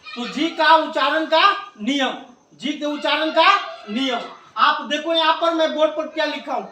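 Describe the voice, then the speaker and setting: A man's voice: very high voice, normal speed, bright, forceful tone, slight background noise. A man teaching English pronunciation at a board, drilling with repeated questions and coaxing the viewer. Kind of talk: classroom lesson at a board. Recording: echoey room, mic at a distance.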